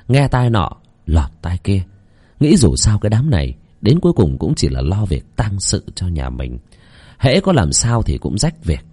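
A man telling a village horror story in a dramatic, expressive voice. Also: low-pitched, husky.

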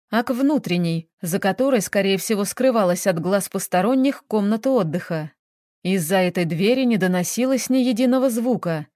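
A woman reading an audiobook in measured, even narration. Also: medium pitch, no room sound, studio quality. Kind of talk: scripted narration.

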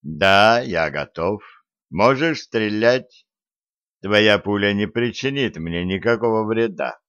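A man voicing a cold, eerie male visitor from another world who speaks slowly and quietly in an audiobook. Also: fairly low pitch, lively intonation, dry recording. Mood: menacing. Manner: slow, quiet and measured. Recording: dry, slightly dull audiobook recording.

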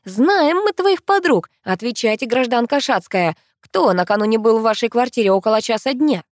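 A woman voicing a sharp-tongued, jealous young woman who talks sarcastically. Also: fairly high pitch, expressive, moderate pace, no room sound, clean studio sound, voice pushed up, lightly acted. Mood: indignant. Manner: sarcastic, indignant.

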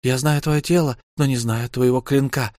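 A man's voice: mid-range voice, fairly even intonation, moderate pace, a little mellow, no echo, voice pushed up, lightly acted. A man doing a defiant young alien wife, her voice lifted and taunting, every line laced with mockery. The recording is dry and close, with no room sound at all. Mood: mocking. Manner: teasing, mocking, raised tone.

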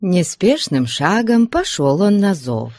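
Low-voiced expressive woman narrator. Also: slow pace, no echo, clean studio sound. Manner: expressive, storytelling. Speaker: audiobook narrator. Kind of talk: literary audiobook narration.

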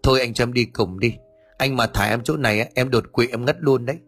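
A man's voice: mid-range voice, fast talker, a bit bright, breathy edge, soft background music. Man reading as a jittery, easily scared young man. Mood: pleading. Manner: whiny, panicky pleading.

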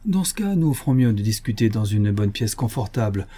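A shrewd detective with smooth, courteous delivery, read by a man. The voice is mellow and slightly husky. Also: on the low side, big pitch swings, a little fast. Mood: suave. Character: shrewd, suave male detective. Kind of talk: audiobook reading.

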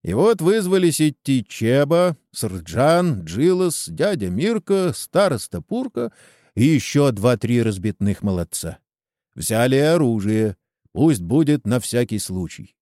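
A man's voice: medium pitch, sing-song, a little slow, dark tone, no echo, studio quality. A man reading a story aloud expressively, voicing each character. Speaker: narrator.

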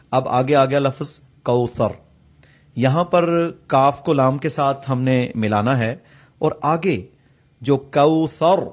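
A man, teaching tajweed, who slowly draws out each recited word and patiently explains common mistakes between the phrases. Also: medium pitch. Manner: slow, drawn-out recitation of each word, repeated for practice.

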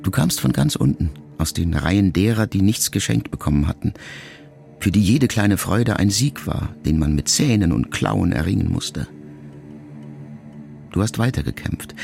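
As an audiobook narrator, a man reads a literary letter aloud slowly and solemnly, reflective and full of long pauses. His voice is low, creaky and a little mellow.

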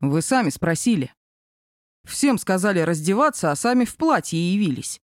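A man's voice: high voice, very animated, moderate pace, no room sound, studio quality. A woman doing a cheeky male office joker. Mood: indignant. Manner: cheeky, teasing. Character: brash joking male office coworker. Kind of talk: audiobook character reading.

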